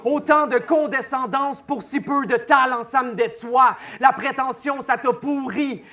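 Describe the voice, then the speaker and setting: Québécois male battle rapper, high bright voice, scornful. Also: steady tone, a little slow, some chatter behind. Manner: scornful, shouting punchlines. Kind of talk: rap battle verse.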